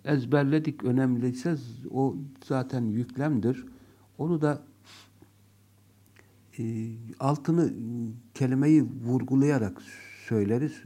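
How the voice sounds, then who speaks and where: A man teaching a lesson, speaking deliberately and acting out example sentences. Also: mid-range voice, mellow. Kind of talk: classroom lesson.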